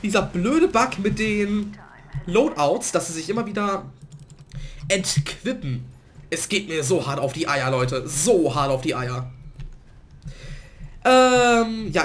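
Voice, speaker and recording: A man commentating his own gameplay in a let's play, a little hoarse from a cold and prone to excited outbursts. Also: high voice, a little slow, a little hiss or hum. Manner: excitable, swings to loud outbursts and laughter. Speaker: gaming let's player.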